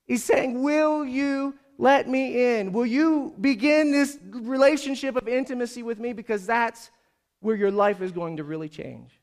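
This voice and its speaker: A man preaching a sermon, telling a story and then rising into loud, urgent appeals before dropping into quiet prayer. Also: unhurried. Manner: storytelling preacher who builds to loud, high-pitched exhortation. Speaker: pastor. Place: church service.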